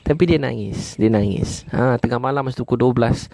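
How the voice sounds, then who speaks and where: A man with a Malaysian Malay accent preaching a sermon. He repeats each point and peppers his talk with "ha", and he chants Arabic prayers slowly. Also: medium pitch, gravelly, a little mellow, no echo.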